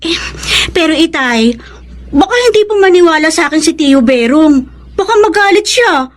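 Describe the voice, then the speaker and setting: A polite young daughter in a radio drama. Her voice is high, and she speaks respectfully with some hesitation. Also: lively intonation, moderate pace. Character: Susie, polite young niece, dutiful.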